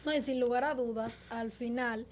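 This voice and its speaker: A woman's voice: fairly high pitch, steady tone, normal speed, a little mellow. A woman hosting an interview podcast, prompting her guest with short questions and agreement.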